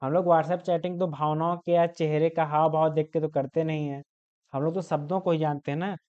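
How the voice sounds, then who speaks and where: A man's voice: fairly high pitch, little pitch movement, brisk, darkish tone, smooth, dull audio. A young man in his twenties teaching an online class, explaining with everyday examples and often checking in with his students. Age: 20s.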